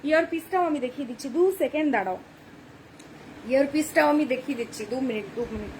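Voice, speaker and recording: Fast-talking high-voiced young woman. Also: lively intonation, a little hiss or hum. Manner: fast, chatty, keeps checking "ঠিক আছে?". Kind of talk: live-stream sales pitch. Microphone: phone camera.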